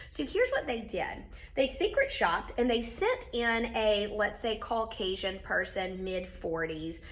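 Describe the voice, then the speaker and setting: A woman's voice: mid-range voice, a bit bright. A middle-aged woman teaching a recorded real estate lecture, direct and emphatic, repeating her key points.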